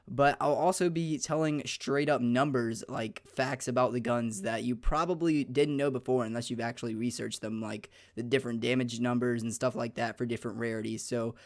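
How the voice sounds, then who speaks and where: A young gaming channel host with a slightly hoarse voice talks through a beginner's game guide in an upbeat, chatty way full of fillers. His mid-range voice keeps fairly even intonation at a moderate pace, with hardly any pauses, in casual gaming guide talk.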